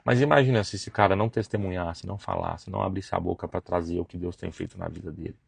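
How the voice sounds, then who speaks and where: A man's voice: low-pitched, fast talker, vocal fry, slightly rough, dry recording. A man, hosting a faith and business live stream and preaching emphatically with slangy asides. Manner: emphatic, acts out gossiping voices with slangy asides. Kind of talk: preachy motivational talk.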